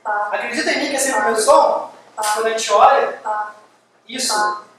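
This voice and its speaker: A man giving a university lecture, lively and firing quick questions at the audience. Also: extremely high pitch. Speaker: guest lecturer. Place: large lecture hall. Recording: echoey hall, distant mic, faint hiss.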